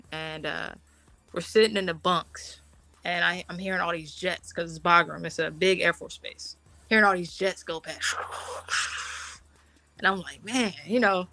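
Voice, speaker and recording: A woman military officer, being interviewed, tells war stories in an informal, slangy way, acting out the dialogue as she goes. Her voice is on the low side, bright and pushed, with no echo. It is an animated personal war story told conversationally.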